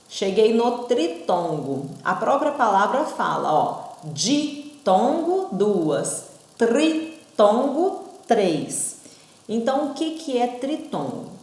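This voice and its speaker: A woman's voice: a little high, roomy sound. A woman teaching a primary school class, sounding out syllables and asking "right?" checks. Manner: slow, sounds out syllables and vowels, asks rhetorical checks. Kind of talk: recorded online class.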